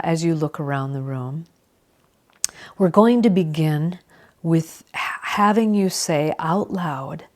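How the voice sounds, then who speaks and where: A woman leading a calm grounding exercise, giving gentle, measured instructions as the guide. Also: low-pitched.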